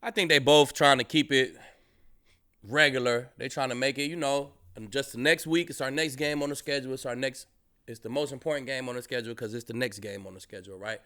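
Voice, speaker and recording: A former player hosts a sports talk podcast in a bright, forceful voice that stays smooth and resonant. He talks laid-back and loose, full of easy slang. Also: mid-range voice, brisk. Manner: laid-back, relaxed slang, keeps saying "you know what I'm saying". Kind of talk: casual podcast chat.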